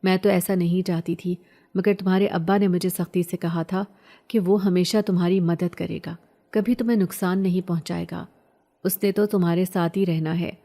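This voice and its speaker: A woman's voice: on the low side, fairly even intonation, warm tone. A woman voicing a worried middle-aged mother speaking anxiously and pleadingly.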